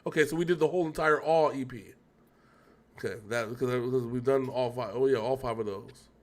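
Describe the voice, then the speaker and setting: Speaking a little fast in a slightly mellow, mid-range voice, a man co-hosts a reaction show. His casual chat rambles on, and he's talkative, often stopping to correct himself.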